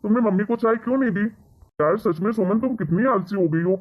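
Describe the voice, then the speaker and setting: A man's voice: sits high, fast talker. A man voicing a short-tempered young husband in a cartoon story, scolding and bossy toward his wife. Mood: angry. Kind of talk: animated cartoon voice acting. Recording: tinny phone-like sound.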